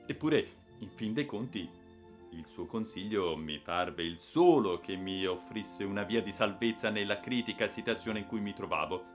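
A man's voice: on the low side, normal speed, faint music behind. A man narrating a children's story in the first person, with a dramatic and theatrical delivery. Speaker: audiobook narrator.

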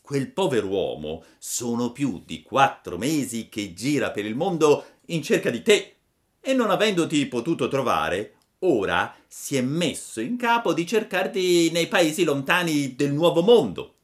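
A man's voice: fairly high pitch, sing-song, a little slow, pitched above the performer's own voice. A man voicing a large, kindly pigeon in a storybook reading, matter-of-fact with small hesitant fillers. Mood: helpful.

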